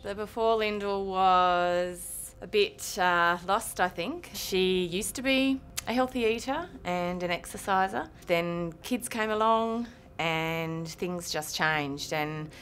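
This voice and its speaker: A woman's voice: lowish voice, takes it slowly, few pauses, a bit bright, faint music behind. A woman with an Australian accent, a married mum speaking in an interview, thoughtful and a little hesitant. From Sydney, Australia. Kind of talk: interview testimony.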